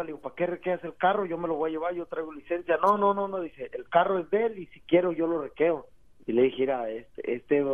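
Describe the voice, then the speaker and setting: A Mexican man calling into a radio show, telling a story in a slangy, animated way. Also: a little high. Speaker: caller. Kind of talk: casual phone-in storytelling. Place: phone call into a radio show. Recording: tinny phone line.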